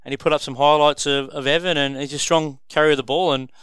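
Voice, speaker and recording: A man's voice: on the high side, steady tone, quick pace, a bit bright, clean tone, dry recording. An Australian man hosting a casual sports radio interview in a matey, colloquial way. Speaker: radio show host. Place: radio studio.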